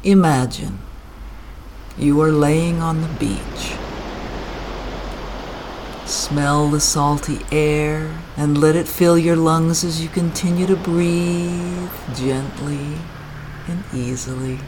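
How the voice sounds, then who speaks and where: A meditation guide leading a guided relaxation with calm, gentle phrasing and long pauses between lines. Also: mid-range voice. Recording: clear ambient background noise.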